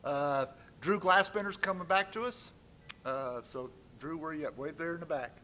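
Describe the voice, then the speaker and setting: Male presenter opening a meeting, slightly higher voice, loose and easygoing delivery on a stage mic. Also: normal speed, bright, forceful tone, a little hiss or hum. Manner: friendly, lightly joking, off-the-cuff. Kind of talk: public address at a conference. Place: conference meeting room.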